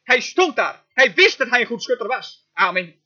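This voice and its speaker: Man, very high sharp voice, emphatic dubbed sermon interpreter, dull lo-fi audio. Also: very animated, moderate pace. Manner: emphatic preaching, frequent amens.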